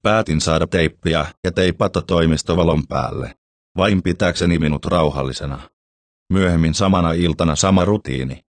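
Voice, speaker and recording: A man narrating a horror story in a steady, even manner. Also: sits low, dry recording.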